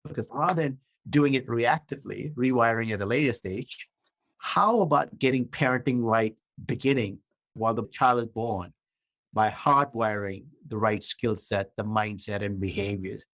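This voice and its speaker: Here a middle-aged man from Malaysia talks in a mid-range, fairly bright voice on a dry recording. A guest author and coach on a podcast, he sets out his thinking in a structured manner, often pausing to ask "right?".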